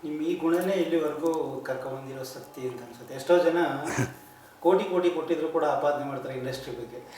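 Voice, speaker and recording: Male interviewer, mid-pitched, attentive, recorded in a roomy space with faint background noise. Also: fairly quick, dark tone. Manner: attentive, frequent murmured agreement. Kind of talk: casual interview talk.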